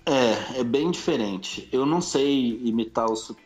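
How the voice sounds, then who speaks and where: A middle-aged Brazilian man, a podcast guest, casually recounts his own experiences in Brazilian Portuguese. His voice is medium-pitched and unhurried, with soft background music. The interview recording is slightly dull and lo-fi.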